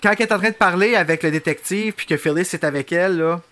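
A man's voice: high-pitched, quick pace, sharp tone. A man talking casually about a horror film on a podcast, blunt and full of slang. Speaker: podcast co-host.

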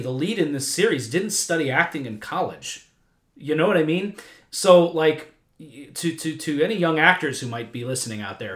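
A man in his thirties talks through a TV episode as podcast co-host. His voice sits in a middle pitch, and he is animated, cursing freely and breaking into laughs. The recording has a roomy echo. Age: 30s. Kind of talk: casual podcast chat.

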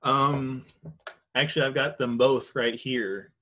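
A man's voice: medium pitch, fairly even intonation, slow, sharp tone. A man from the American South hosting a podcast, talking in a rambling, easygoing way with many fillers. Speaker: podcast host. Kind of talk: casual podcast chat.

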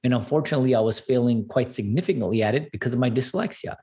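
A man's voice: mid-range voice, rapid-fire, mellow. A man from Canada telling his life story as a guest in a casual interview, earnest and upbeat, repeating words for emphasis. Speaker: guest entrepreneur and speaker.

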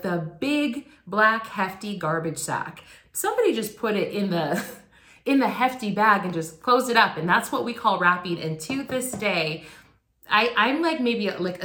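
A woman's voice: mid-range voice, a bit bright. A woman in her forties gives a sermon by telling a personal story, speaking candidly and chattily with lots of "like" and "um". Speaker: pastor. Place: church sanctuary. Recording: roomy echoing hall.

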